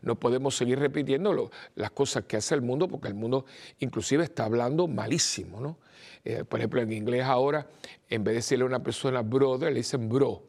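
An older male priest with a mixed Spanish accent, giving a rambling informal homily, repeating words and pausing with fillers. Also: mid-range voice, a little mellow.

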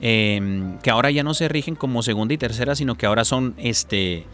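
Man, Mexican accent, talk-show guest, personal testimony, rambling, many fillers, medium pitch, faint music behind. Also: a little fast, fairly bright tone.

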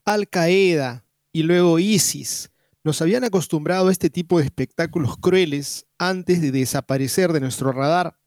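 A man reading a news analysis aloud in a steady, formal way. His voice sits fairly high for a man. The recording is dry and close. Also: moderate pace, no room sound. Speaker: article reader.

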